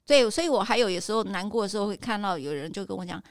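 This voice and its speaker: A woman's voice: mid-range voice, rapid-fire, dry recording, studio quality. A middle-aged woman with a Taiwanese Mandarin accent, hosting a casual chat, asking questions and laughing often. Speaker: host.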